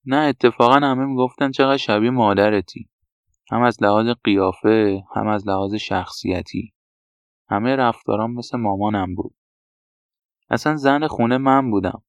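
Brief: a man playing a soft young man raised by women, confessional, gravelly low tone. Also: no echo, lightly acted. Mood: confiding. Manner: quiet, confessional recounting. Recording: dull, dry lo-fi recording.

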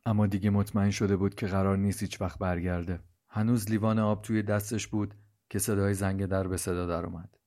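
A man with a fairly low voice narrates a scripted story. His delivery is slow, measured and hushed. He keeps a steady storytelling tone throughout.

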